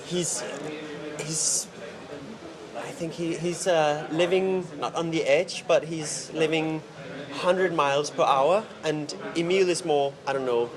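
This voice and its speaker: A man's voice: a little high, fairly even intonation, takes it slowly. Hesitant man, crowd behind. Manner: searching for words, hesitant. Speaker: actor. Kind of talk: interview at a film festival.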